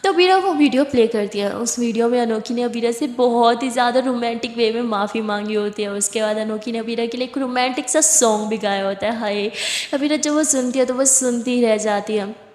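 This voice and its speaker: Brief: female narrator, lively and chatty, high-pitched, recorded in a reverberant room. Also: fairly quick. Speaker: storyteller. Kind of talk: romance story narration. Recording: echoey room with long reverb.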